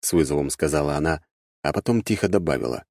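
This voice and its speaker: Deep, mellow male storyteller, measured and wry, dry booth sound. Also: animated, gravelly, no room sound. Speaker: audiobook narrator. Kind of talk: scripted first-person fantasy narration. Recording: dry close studio sound.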